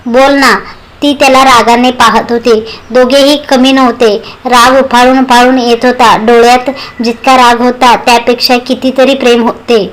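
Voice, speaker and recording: A woman reading a romantic drama story aloud in an expressive, dramatic way. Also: a little high, normal speed, low-quality recording. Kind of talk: scripted story narration.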